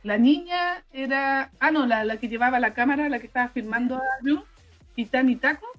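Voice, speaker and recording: A Chilean woman co-hosts a podcast, chatting casually about an anime in a high, slightly fast voice. She sounds chatty and hesitant, often trailing off and restarting sentences. The recording is muffled, with faint music in the background.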